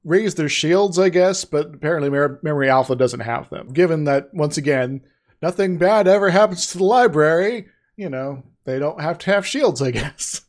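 A man's voice: fairly high pitch, lively intonation, normal speed. A man co-hosting a podcast, chatting casually and joking as he reacts to a recap, laughing often. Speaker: podcast co-host.

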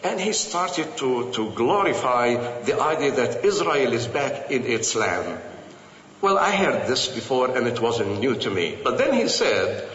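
Brief: man from Jerusalem, earnest, lively storyteller, echoey lo-fi hall recording. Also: mid-range voice, a little slow, a little hiss or hum. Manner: earnest, lively, with frequent fillers and quoted dialogue. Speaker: speaker recounting personal experiences. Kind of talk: personal storytelling talk. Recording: echoey hall, dull lo-fi sound.

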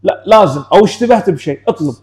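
Fast-talking man. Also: high voice, animated, a little mellow. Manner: explaining, frequent "you know how?" asides. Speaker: clinician guest. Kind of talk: casual clinical discussion.

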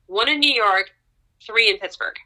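Speaking at a normal speed over a rough recording, this young opera singer shares anecdotes with an interviewer. Her tone is bright with a sharp edge, full of animated energy, frequent laughter, and upward leaps in pitch at the thrilling moments.

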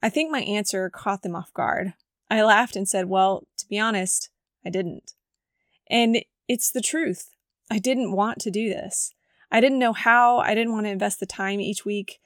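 A woman hosting a faith podcast reads her own story from a script, earnest and reflective. Her scratchy voice is mid-range at a measured pace, with clean studio sound and no room sound.

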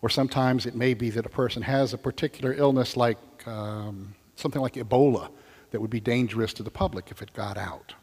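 A man's voice: medium pitch, fairly quick, a little mellow, husky. An older man speaking as a deacon to a congregation in a church. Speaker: deacon giving gospel reading and homily. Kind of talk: liturgical reading and conversational homily. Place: large church, over a PA. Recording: long cathedral-like echo of a church.

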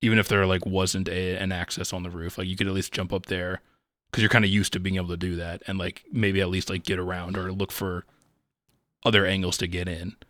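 A man's voice: low voice, little pitch movement, fairly quick, a bit bright, dry recording, studio quality. A man co-hosting a podcast in casual chat, rambling and leaning on "like" as a filler. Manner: rambling, heavy use of "like". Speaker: podcast co-host.

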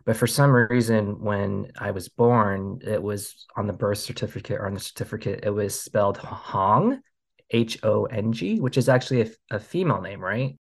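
An American filmmaker in his thirties appears as a guest in a casual interview, speaking haltingly with lots of fillers and restarts. His voice sits on the low side and sounds creaky and husky.

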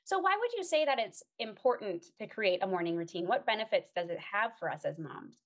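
Woman, podcast host, upbeat and affirming, casual interview chat, mid-pitched voice. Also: big pitch swings, a little fast, fairly bright tone.

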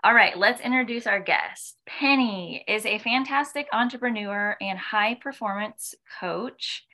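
A woman's voice: mid-range voice, a little slow, bright, forceful tone. A woman in her thirties from the American Midwest, hosting a podcast in an upbeat, encouraging way with casual fillers. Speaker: podcast host.

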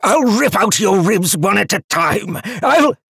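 A man's voice: high voice, expressive, a little slow, creaky, fairly bright tone, slightly rough, no echo, clean studio sound, voice pushed up, full character voice. A man voicing a desperate, raging captive king who shrieks threats.

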